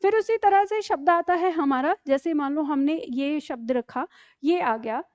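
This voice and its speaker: A woman's voice: high-pitched, a little slow, darkish tone, no echo, highs cut off. A woman teacher giving an online Hindi grammar lesson, explaining step by step and often checking that students follow.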